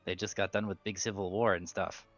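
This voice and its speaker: A man playing a simple, earnest female adventurer in a tabletop game, speaking in a halting, plain, informal way. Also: sits low, level tone, a bit bright, highs cut off, soft background music. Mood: earnest, hesitant. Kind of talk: tabletop role-play.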